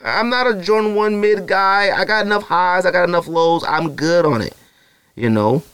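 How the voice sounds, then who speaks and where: A married adult man rambles through casual solo podcast talk at normal speed, his smooth, slightly bright voice sitting high with no echo. He fills gaps with "you know" and pushes his voice up when stressing a point.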